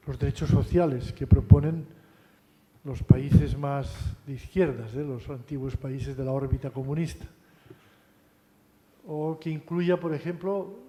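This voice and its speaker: A man's voice: fairly high pitch, warm tone. Lecturing man in a reverberant hall. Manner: conversational, tag questions, frequent restarts. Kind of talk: university lecture.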